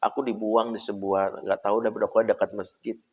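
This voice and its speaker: Manipulative young man, voiced by a man, faint low pleading voice, muffled lo-fi sound. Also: flat delivery, brisk, darkish tone, natural voice. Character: manipulative young man feigning being badly hurt. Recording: echoey hall, dull lo-fi sound.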